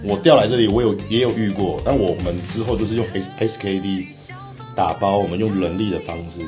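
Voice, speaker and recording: A man's voice: lowish voice, fairly quick, a little mellow. A man with a Taiwanese Mandarin accent hosting a casual, joking interview, often repeating and rephrasing his questions. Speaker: host and interviewer, firefighter. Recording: music playing behind the talk.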